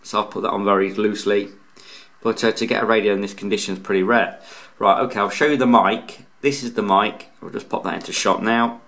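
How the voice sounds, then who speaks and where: Off camera next to a tabletop radio indoors, a channel host and radio hobbyist reviews a product hands-on in an informal, casual way, hesitating a little as he explains. His fairly low voice is brisk, fairly bright and fairly even in intonation.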